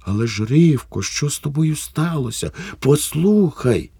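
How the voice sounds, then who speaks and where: A man's voice: lowish voice, expressive, a little slow, darkish tone, dry recording, studio quality, voice pushed up. A man reading aloud and voicing a nervous, pleading husband in a somewhat raised voice. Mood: bewildered. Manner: pleading, stammering. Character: flustered middle-aged husband, pleading and nervous.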